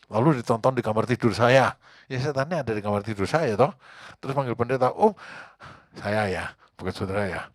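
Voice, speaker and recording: A man, a pastor, preaching a conversational, animated sermon and asking the congregation questions. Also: medium pitch, dry recording, studio quality.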